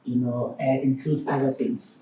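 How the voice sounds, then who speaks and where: A man's voice: medium pitch, little pitch movement, normal speed, mellow, slight background noise. A man speaking earnestly as a guest on a talk show, often saying "you know", recorded from a distant mic in a roomy space. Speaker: guest, organization founder. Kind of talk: studio talk show interview.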